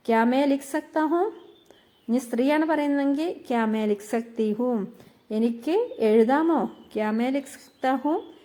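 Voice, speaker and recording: A woman gives a patient language lesson, speaking very slowly and repeating each phrase before explaining it. Her voice sits fairly high but has a soft, mellow tone. She sounds calm and unhurried throughout. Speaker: language teacher. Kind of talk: slow spoken-language lesson.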